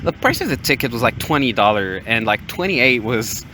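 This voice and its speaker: Hosting a podcast, a young Moroccan man with an American accent tells offhand personal anecdotes, a little haltingly. His mid-range voice moves at a normal speed, and waves wash steadily behind him like an outdoor recording.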